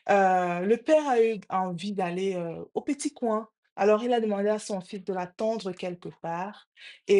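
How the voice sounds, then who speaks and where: Enthusiastic woman vlogger retelling a story. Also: medium pitch. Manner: warm greetings, enthusiastic, many fillers. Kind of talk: casual storytelling to viewers. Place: at her sister's home.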